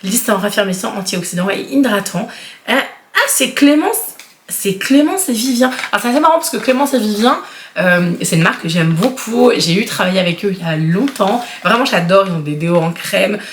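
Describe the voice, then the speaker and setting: A woman's voice: mid-range voice, lively intonation, a little fast, a little hiss or hum. A woman in her thirties chatting casually and enthusiastically as she unboxes beauty products, with frequent fillers. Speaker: beauty vlogger. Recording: roomy echo.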